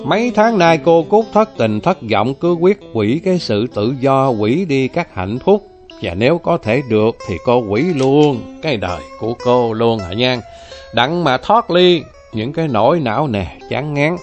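A man's voice: medium pitch, lively intonation, unhurried, faint music behind. A man reading a novel aloud in a folksy, chatty way. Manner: folksy, chatty, with tag words. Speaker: storyteller.

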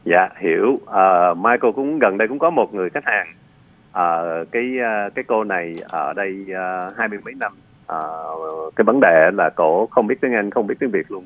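Low gravelly lawyer on a phone line. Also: male voice, no echo. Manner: patient, explanatory, frequent filler pauses. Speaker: immigration lawyer. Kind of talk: radio call-in advice. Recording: tinny phone line, dry.

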